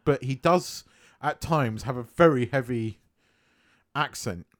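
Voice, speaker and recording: A man co-hosting a casual film chat, animated and swearing freely, laughing often. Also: medium pitch, slow. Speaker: podcast co-host.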